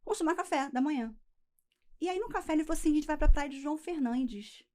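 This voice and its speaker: A woman's voice: sits high, animated, quick pace, a little mellow. A woman, a coach guest telling a personal story in a casual chat and acting out the voices of the people in it. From Rio de Janeiro, Brazil. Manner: acts out quoted voices, laughs through the telling. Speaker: weight-loss coach guest.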